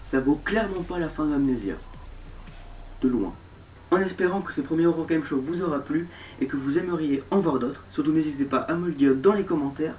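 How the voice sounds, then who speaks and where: A man's voice: a little high, darkish tone, distant mic. A young man giving casual, sarcastic commentary as the host of a horror game review show. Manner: sarcastic, mocking asides. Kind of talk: casual scripted video commentary on horror games. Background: music.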